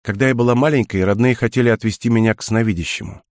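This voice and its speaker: A man voicing a stubborn, sharp-tongued young woman in an audiobook, sarcastic and uneasy by turns. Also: fairly low pitch, fast, dry recording, studio quality, lightly acted. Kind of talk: audiobook dialogue.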